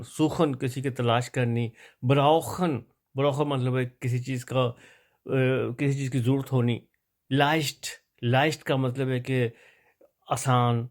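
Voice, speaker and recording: Man slowly sounding out pronunciation drills. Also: mid-range voice. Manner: slow, drawn-out sounds when demonstrating words. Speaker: language teacher. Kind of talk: explaining pronunciation.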